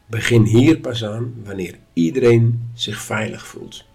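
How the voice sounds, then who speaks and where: A man giving a calm, instructive spoken lesson at a measured pace. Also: fairly low pitch, gravelly. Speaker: course teacher.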